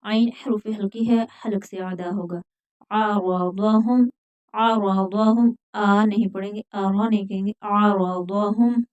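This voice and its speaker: A woman teaching Quran recitation, slowly explaining how each letter is sounded. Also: medium pitch, level tone, warm tone, no room sound, highs cut off. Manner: slow drawn-out chanting recitation. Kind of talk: slow, careful recitation lesson.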